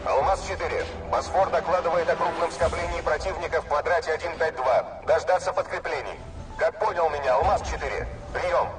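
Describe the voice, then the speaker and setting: A man's voice: a little high, fairly quick, pauses often. A man voicing a military headquarters commander whose curt orders come over a radio in clipped protocol. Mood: commanding. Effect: heard over a military radio. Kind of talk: game voice lines. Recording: distant voice under loud game music.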